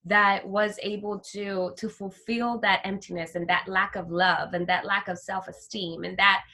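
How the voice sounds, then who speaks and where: Bright-voiced woman sharing her faith. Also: medium pitch, a little slow. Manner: animated, acts out quoted voices. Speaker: guest. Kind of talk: heartfelt faith testimony in conversation.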